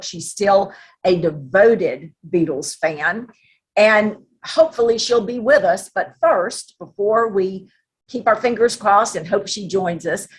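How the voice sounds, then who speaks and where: Chatty woman with a husky voice. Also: medium pitch. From North Louisiana. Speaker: host. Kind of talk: casual presentation.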